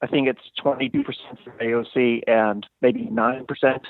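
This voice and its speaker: A man's voice: mid-range voice, steady tone, normal speed, dry recording. A man from Texas calling in by phone to a political talk show, speaking casually, politely and a little hesitantly. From Texas, United States. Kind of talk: casual call-in discussion. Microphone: phone call. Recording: muffled, tinny phone line.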